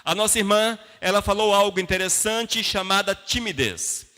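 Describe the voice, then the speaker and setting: A Brazilian pastor preaches a sermon to his congregation in a high, pushed, bright voice at a moderate pace. He teaches in plain colloquial words, using rhetorical questions and short emphatic phrases, and the recording has a long hall reverb.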